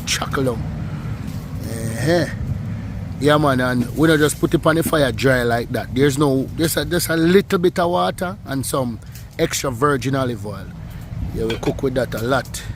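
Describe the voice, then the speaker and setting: A man with a Jamaican accent hosting an outdoor cooking vlog, chatting in relaxed patois and teasing playfully. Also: mid-range voice, measured pace, background noise. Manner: laid-back patois banter, playful teasing. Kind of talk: casual outdoor cooking chat. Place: outdoors beside an open cooking fire.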